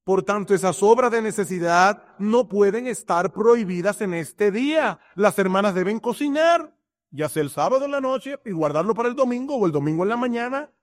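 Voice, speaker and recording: High-voiced male pastor preaching. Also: expressive, normal speed. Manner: preaching with shifting emphasis and acted examples. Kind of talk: sermon.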